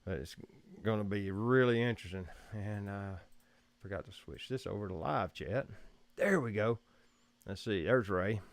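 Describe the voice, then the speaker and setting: With a lowish voice and a moderate pace, this Georgia-born man hosts a relaxed photography livestream from his home. His Southern accent carries a loose, meandering chat full of frequent chuckles, and the audio has no room sound.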